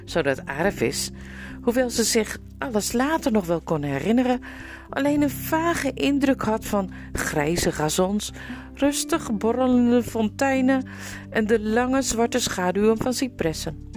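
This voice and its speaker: A woman's voice: a little high, animated, measured pace, darkish tone, faint music behind. A woman reading a children's storybook aloud, telling the story expressively. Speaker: reader.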